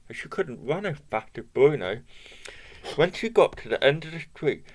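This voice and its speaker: Animated man reading a children's story. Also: on the high side, moderate pace. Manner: lively, asks the listener questions, points to pictures. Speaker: storybook reader. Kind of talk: reading a picture book aloud to children.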